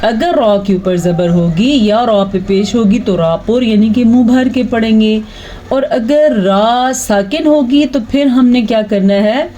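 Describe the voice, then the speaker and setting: A woman teaching Quran recitation, explaining patiently and reciting verses in a slow chant. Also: on the high side, dark tone, low-quality recording. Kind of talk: online tajweed lesson.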